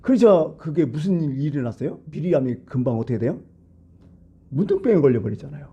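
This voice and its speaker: A man preaches in a church, explaining scripture in plain, chatty words. His voice is very dark and husky. The recording sounds dull and lo-fi. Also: on the high side, very animated, fairly quick. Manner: conversational, explaining scripture in plain everyday talk. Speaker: pastor. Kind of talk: sermon.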